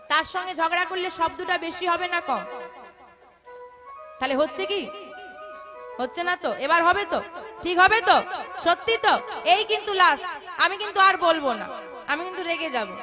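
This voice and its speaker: Female kirtan lead, very high voice, playful crowd-teasing, live band and crowd behind. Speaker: kirtan singer. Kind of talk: devotional kirtan with audience banter. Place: live stage before a crowd. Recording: live music and crowd noise.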